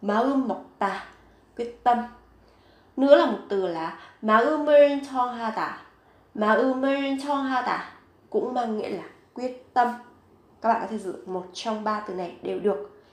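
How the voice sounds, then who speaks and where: A woman teaching a vocabulary lesson, saying each word several times, slowly and clearly. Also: a little high, roomy sound. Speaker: Korean language teacher.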